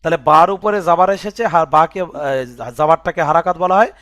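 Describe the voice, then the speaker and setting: A man with an expressive, slightly high and somewhat bright voice leads a Quran recitation lesson at a fairly quick pace. He breaks words down into letters and vowel marks and checks with "বুঝে আসছে?" that the student follows along, in a dry recording.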